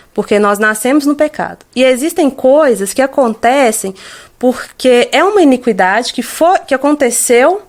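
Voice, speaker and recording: A Brazilian woman in her thirties speaks as a guest, recounting her own experience in a fairly high voice. She is earnest and hesitant, often breaking off and starting her sentences again. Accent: Brazilian Portuguese. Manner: earnest, hesitant with frequent restarts. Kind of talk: personal testimony.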